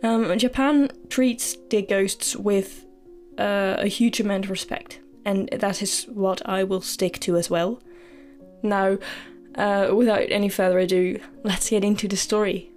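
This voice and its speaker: A woman's voice: medium pitch, steady tone, a little slow, a little mellow, soft background music. A woman hosting a storytelling podcast, earnest and hesitant, with many fillers and restarts. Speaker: podcast host.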